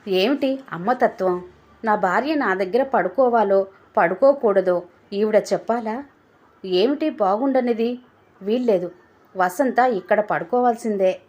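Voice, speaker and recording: A woman's voice: mid-range voice, unhurried, long pauses, darkish tone, muffled recording, natural voice. A woman reading aloud, voicing a frustrated, helpless young husband in a bitter, subdued tone in an audio story. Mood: resentful.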